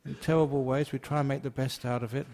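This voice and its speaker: Fielding audience questions during a Dharma talk, this older English-born monk is chatty, jokey, and quick to laugh. His male voice is medium-pitched, creaky, and mellow, delivered flatly at a quick pace.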